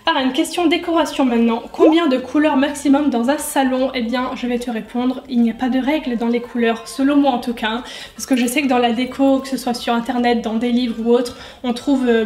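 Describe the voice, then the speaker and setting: High-voiced chatty young woman, echoey kitchen. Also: a little mellow. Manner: chatty and self-mocking, frequent fillers. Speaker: lifestyle YouTuber. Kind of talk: casual Q&A vlog while cooking. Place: home kitchen.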